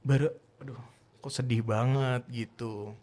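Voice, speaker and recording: A man, a guest telling about his content in a relaxed, earnest, slangy way. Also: mid-range voice, a little slow. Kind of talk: casual interview chat.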